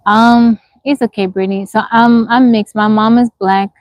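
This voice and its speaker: A slightly high-pitched woman in her 40s hosts a laid-back livestream from a wooded spot, reading comments and giving frank answers; she tends to ask questions and repeat herself. Her intonation is fairly even and her pace moderate, captured in a dry recording.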